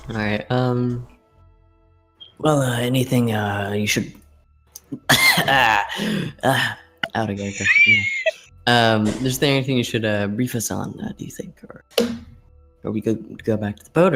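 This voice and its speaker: A man's voice: medium pitch, a little slow, pauses often, music in the background. A man playing a tabletop game, talking in a hesitant way full of restarts. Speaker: player. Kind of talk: casual tabletop game chat.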